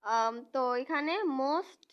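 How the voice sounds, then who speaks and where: High-voiced woman teaching grammar slowly. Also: highs cut off. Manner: slow, repeats and spells out words. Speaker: English teacher. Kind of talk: explaining grammar to students.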